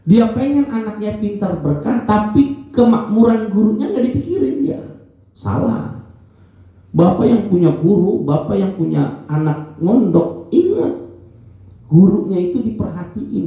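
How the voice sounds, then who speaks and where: A man's voice: high-pitched, big pitch swings, moderate pace. A man giving an informal religious lesson in an office prayer room, chatty and storytelling, often quizzing his listeners. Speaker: religious teacher. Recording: echoey, dull lo-fi room sound.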